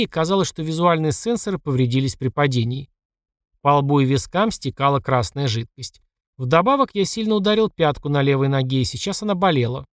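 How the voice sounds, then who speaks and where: A man reading a first-person audiobook, who delivers the system messages in a clipped, flat report tone. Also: fairly high pitch, no room sound, studio quality. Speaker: audiobook narrator.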